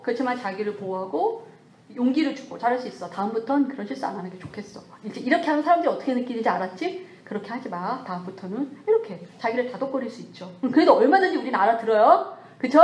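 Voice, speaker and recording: A woman giving a church lecture to an audience, lively and animated, acting out scolding and comforting self-talk. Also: fairly high pitch, echoey room. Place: church hall.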